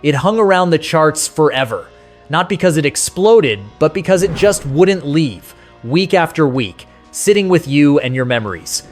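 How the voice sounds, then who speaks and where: Over music, a man tells a scripted nostalgic countdown in a warm, folksy, conversational way full of sentiment. His voice is on the high side and expressive, at a moderate pace.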